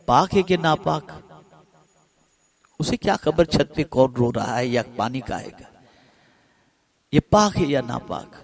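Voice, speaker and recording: A man preaching a religious sermon. He stretches some phrases out slowly and builds others to loud, fervent peaks. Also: medium pitch, expressive, gravelly. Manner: swells from slow, drawn-out phrases to loud impassioned peaks.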